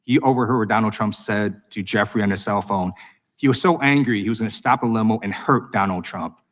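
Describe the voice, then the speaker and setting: A man's voice: fairly low pitch, a little fast. An American man questioning a witness at a formal hearing as a congressman, prosecutorial, insistent and accusatory. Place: government hearing room.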